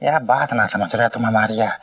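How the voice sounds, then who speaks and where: An actor playing a cheeky, boastful brother-in-law in a sitcom, brash and loud, with a lilt. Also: male voice, lowish voice, fairly quick, noisy background, lightly acted. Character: boastful scheming brother-in-law, Chhatanki Mama. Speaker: comic actor. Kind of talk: sitcom acting. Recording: dry, from a distance.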